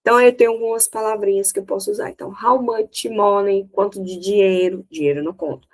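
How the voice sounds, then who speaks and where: A woman's voice: mid-range voice, fairly even intonation, fast, poor audio. A woman with a Brazilian Portuguese accent teaching English in a recorded lesson, explaining step by step and often checking that students follow.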